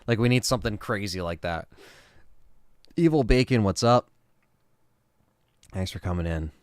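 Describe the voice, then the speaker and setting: A man hosting a casual livestream, answering chat questions in a relaxed, rambling way with lots of fillers. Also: lowish voice, moderate pace, clean tone, no echo, studio quality.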